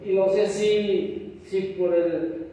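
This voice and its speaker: A man's voice: high-pitched, fairly even intonation, very slow, dark tone. A Venezuelan man preaching a sermon earnestly, dropping frequent amens and acting out little dialogues. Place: church hall. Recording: distant, dull, echoey church hall sound.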